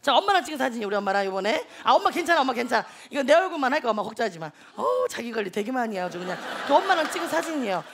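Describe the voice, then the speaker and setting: A man's voice: very high voice, very animated, racing, hardly any pauses, heavily acted. A comedian playing a brash, chatty young female online-lecture teacher who teases a live audience in a TV comedy sketch. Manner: loud, bragging, teasing the audience. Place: TV comedy stage. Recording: studio audience laughter and noise.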